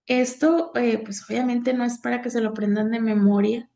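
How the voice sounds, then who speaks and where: A woman teaching a lecture from slides, pausing often and filling gaps as she reads. Her voice sits a little high but has a dark, gravelly edge, and she talks slowly. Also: steady tone. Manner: halting, many fillers, reads from slides. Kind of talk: slide lecture on accent rules.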